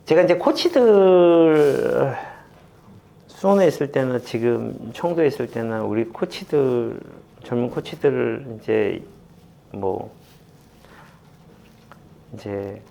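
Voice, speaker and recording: A man in his fifties, a football coach, talking through memories in an interview with many pauses and fillers. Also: mid-range voice, gravelly, mellow. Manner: halting and reflective, many fillers, laughs while retelling. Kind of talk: candid interview.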